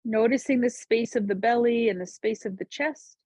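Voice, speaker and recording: A woman teaching a seated yoga class, giving calm, gentle cues to breathe and move. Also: fairly high pitch, normal speed, husky, no room sound. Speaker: yoga instructor. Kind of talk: guided chair yoga instruction.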